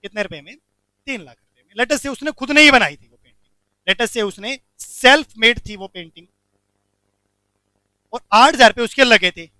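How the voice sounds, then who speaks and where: A man teaching a commerce lecture, animated, asking the class questions and answering them himself. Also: extremely high pitch, moderate pace, long pauses, no echo.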